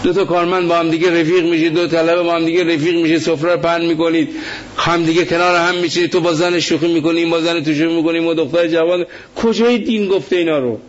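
A man's voice: fairly high pitch, steady tone. Impassioned preaching man, lo-fi recording. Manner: impassioned, rising to shouts, quoting scripture. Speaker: cleric preacher. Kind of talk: fiery religious sermon. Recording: dull lo-fi sound with faint noise.

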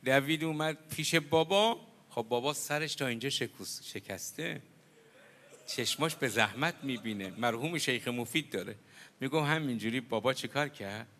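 A man preaching a mourning sermon, telling a story with quoted dialogue and building to loud lament. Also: medium pitch. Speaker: preacher reciting a mourning narrative.

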